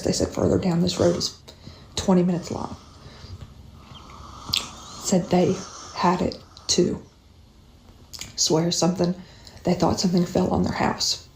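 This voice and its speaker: A woman's voice: fairly low pitch, darkish tone. A woman, a mother telling a strange story at home in an urgent, repetitive whisper so she doesn't wake her baby. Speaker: mother recounting a strange event. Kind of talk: hushed storytelling to camera. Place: indoors at home. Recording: roomy echo.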